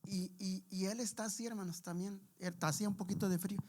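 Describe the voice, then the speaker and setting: A man preaching a sermon in church, telling a testimony and leading prayer, calling out to the brethren constantly while his loudness swells and drops. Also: high voice, fairly even intonation, quick pace. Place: church sanctuary.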